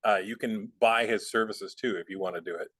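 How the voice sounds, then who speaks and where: A man teaching a bookkeeping software class in a relaxed, rambling way, with plenty of fillers and chatty asides. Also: fairly low pitch, brisk, breathy edge, no echo. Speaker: bookkeeping instructor.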